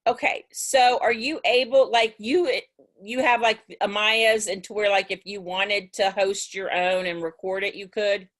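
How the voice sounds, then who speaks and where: A woman's voice: medium pitch, fairly even intonation, measured pace, a bit bright. A woman teacher talking to her class over a video call in a casual, rambling way, with many restarts. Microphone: video call mic.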